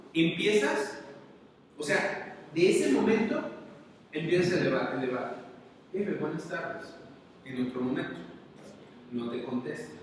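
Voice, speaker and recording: A man's voice: high voice, fairly bright tone. A man with a Mexican accent giving a motivational lecture to an audience, talking conversationally and asking them questions all the time. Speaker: conference speaker. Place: large conference hall. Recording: very echoey hall, distant, faint noise.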